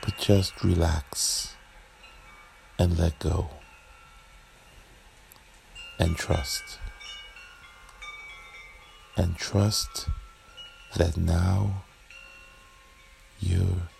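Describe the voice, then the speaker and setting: Speaking in short phrases with long gaps, a man guides a meditation slowly and gently in a very low, strongly creaky voice with little pitch movement. Chimes and background noise sit beneath his calming delivery.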